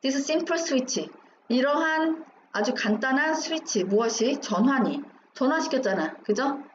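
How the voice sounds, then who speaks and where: A woman's voice: high-pitched, animated, unhurried. A woman teaching English, going through an exam passage line by line, asking questions and answering them herself. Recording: dull roomy recording with faint hum.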